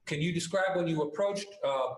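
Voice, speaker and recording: A man questioning a witness as an attorney, measured and methodical, heard in a courtroom recording. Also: a little high, roomy sound, poor audio. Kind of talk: courtroom examination.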